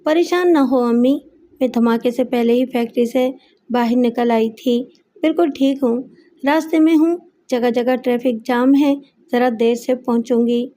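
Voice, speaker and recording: A woman's voice: fairly high pitch, moderate pace, mellow, lightly acted. A woman voicing a young factory worker who pleads and dodges questions in an audiobook story. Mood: pleading. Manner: pleading, evasive. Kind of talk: audiobook character voice.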